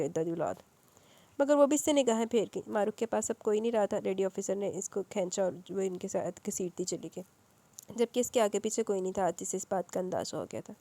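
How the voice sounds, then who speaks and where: A woman's voice: mellow, no room sound. A woman narrating a dramatic novel aloud, acting out the characters' lines with rising emotion. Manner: voices characters with raised emotional pitch.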